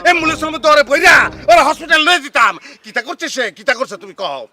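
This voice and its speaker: A man playing an indignant young son defending his mother, scolding fast. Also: extremely high pitch, sharp tone, exaggerated voice. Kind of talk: comedy skit acting.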